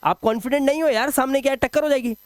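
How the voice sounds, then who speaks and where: A man teaching English phonics rules in a video lesson, patiently repeating example words slowly and quizzing the viewer. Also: extremely high pitch, fairly even intonation, dry recording, studio quality.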